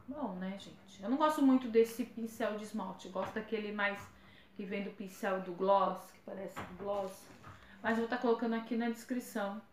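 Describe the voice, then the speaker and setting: A woman talks slowly and chattily as she unboxes her online shopping, tripping over foreign brand names. Her voice carries a roomy echo with faint background ambience. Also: medium pitch, fairly bright tone, a little hiss or hum. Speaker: vlogger. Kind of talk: casual product unboxing. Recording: echoey room, faint ambience.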